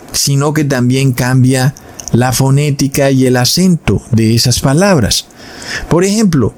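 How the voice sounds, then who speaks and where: A man's voice: mid-range voice, a little mellow. A man giving an explanatory commentary on religion, teaching in a didactic way, addressing listeners as brothers, and demonstrating pronunciations aloud. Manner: demonstrates pronunciations and baby babble.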